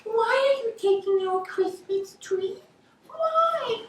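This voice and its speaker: A man voicing an innocent two-year-old storybook girl in a plaintive, childlike falsetto. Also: expressive, slow, heavily acted. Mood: innocent, puzzled. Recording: echoey room, far from mic.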